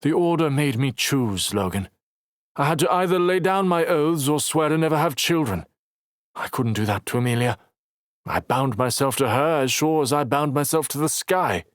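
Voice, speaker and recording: An injured man pushes on with earnest determination and a sharp, teasing tongue, as a male narrator plays him in an audiobook. The delivery is lively and animated, raised above the reader's usual low voice. The recording is dry and close. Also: normal speed, dry recording, close to an everyday voice.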